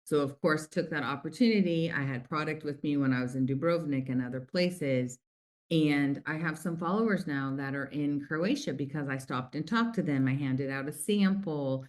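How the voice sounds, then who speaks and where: A woman's voice: low voice, moderate pace. A middle-aged woman from the United States, a company founder, telling stories chattily with lots of fillers in an interview. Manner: chatty, warm storytelling with many fillers. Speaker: guest, lip color company founder. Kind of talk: casual interview conversation.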